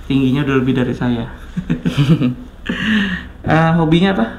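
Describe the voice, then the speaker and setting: A man's voice: medium pitch, rapid-fire, a little mellow, highs cut off, a little hiss or hum. A man giving a casual product review, chatty and addressing viewers often. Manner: chatty, says "guys" a lot. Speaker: tech reviewer.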